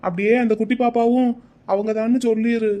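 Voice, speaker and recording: Man voicing cartoon grandson, young adult, earnest, pleading, high voice. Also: steady tone, brisk, dark tone, highs cut off. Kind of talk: cartoon voice acting.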